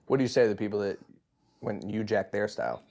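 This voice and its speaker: A young man co-hosting a podcast, telling a spooky story in a lively way, laughing and calling his friend bro. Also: fairly low pitch, fast, vocal fry. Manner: animated, laughing, says bro a lot. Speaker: podcast co-host. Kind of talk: casual chat, telling a scary anecdote.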